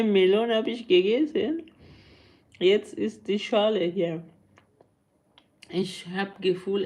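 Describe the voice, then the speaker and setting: Woman live streamer, very slow, gravelly fry, halting non-native English, casual chat with viewers. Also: mid-range voice, a little mellow.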